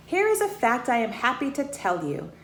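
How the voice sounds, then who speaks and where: Reading rhymed verse from a children's storybook at normal speed, a woman with a fairly high voice, who works at a bank, performs expressively and pauses for asides and questions to the kids. The sound is roomy and echoey with slight noise behind her.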